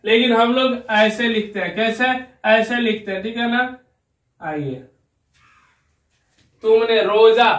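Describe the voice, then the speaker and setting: A high-voiced man leads a patient spelling lesson at an unhurried pace. He keeps checking that his learner is following and asks them questions along the way. His voice sits a little back from the mic in an echoey room. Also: fairly bright tone, recorded from a distance. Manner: patient, keeps asking "ठीक है ना" and quizzing the learner. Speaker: Urdu teacher. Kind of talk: slow spelling lesson at a whiteboard. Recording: roomy echo, voice a little off-mic.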